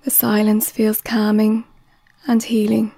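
A woman reading a guided relaxation script in a slow, soothing voice that often drops to a whisper. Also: mid-range voice, monotone, gravelly, dark tone, no echo.

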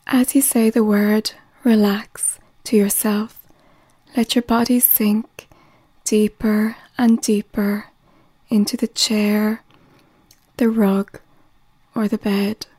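Woman, relaxation guide: slow soothing delivery with whispered phrases, mellow and steady in pitch. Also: husky, no echo.

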